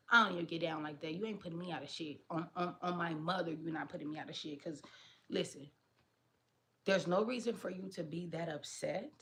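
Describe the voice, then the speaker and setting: A young woman vlogger telling a story in casual, slangy chat, animated and often addressing her viewers directly. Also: lowish voice, slight background noise.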